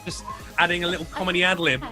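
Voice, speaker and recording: A man's voice: high-pitched, fairly even intonation, rapid-fire, over music. A man co-hosting a gaming podcast, joking and teasing crudely in casual chat. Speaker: podcast co-host.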